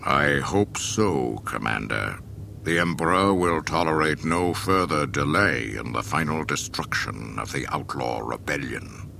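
Darth Vader, a deep, slow dark lord. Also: male voice, gravelly, full character voice. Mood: cold menace. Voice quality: deep, slow, measured menace. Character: menacing armored male dark lord, cold and commanding. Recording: film soundtrack with rumbling noise.

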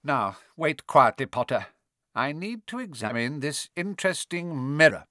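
A man's voice: fairly high pitch, big pitch swings, unhurried, pushed and bright, dry recording, studio quality, pitched above the performer's own voice, exaggerated voice. A man voicing a cold, smug male villain in an audiobook, mocking and coolly casual in his menace. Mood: sinister, dismissive. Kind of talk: audiobook character acting.

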